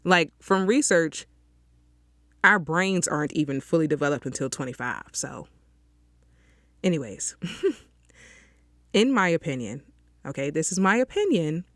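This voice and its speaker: Very animated but a little slow, with long pauses, this young podcast host has a deep, fairly bright voice. She delivers a casual solo monologue from a small closet with outdoor sounds leaking in, frequently asking listeners "okay?", and the recording is dry and clean like a studio.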